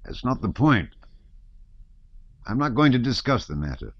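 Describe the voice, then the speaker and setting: A man's voice: medium pitch, very animated, normal speed, no echo, pitched above the performer's own voice. A man voicing a blunt, hot-tempered partisan commander who speaks heatedly, in a dull lo-fi audiobook recording. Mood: heated indignant.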